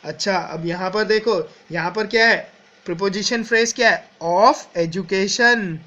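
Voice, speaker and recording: A man with an Indian accent teaching an English grammar lesson, explaining step by step and often asking "clear?". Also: high voice, measured pace, bright, forceful tone, lo-fi sound. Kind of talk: exam-prep grammar lesson.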